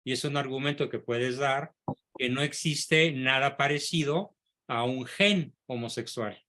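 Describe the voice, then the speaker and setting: A man's voice: mid-range voice, unhurried, bright, forceful tone. A male teacher answering a student's question in an assertive, emphatic way.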